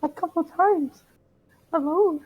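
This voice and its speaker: A woman voicing a flustered young woman in a squeaky, cartoonish mouse-like voice, breathless and stammering, in an amateur comedic reading on a muffled, lo-fi recording. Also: slow.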